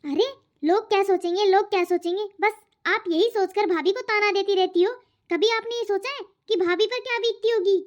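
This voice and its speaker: A woman's voice: extremely high pitch, a little fast. A woman voicing an outspoken, spirited young unmarried daughter in a cartoon, arguing and protesting. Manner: protesting, argumentative. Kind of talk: cartoon voice acting. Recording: dull lo-fi audio.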